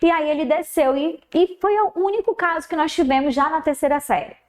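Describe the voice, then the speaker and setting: A middle-aged woman teacher, her voice sitting high. She tells a classroom story in a casual way and acts out both sides of the dialogue with sudden jumps in pitch. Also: brisk.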